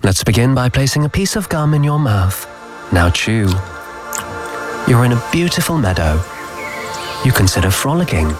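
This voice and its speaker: A man narrating a mock guided-meditation advert with deadpan instructions. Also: medium pitch, moderate pace, pauses often, music in the background.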